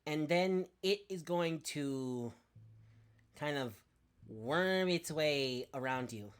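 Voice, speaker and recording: A woman's voice: sits low, expressive, takes it slowly, clear, resonant tone. A woman running a tabletop game as game master, playful and often laughing.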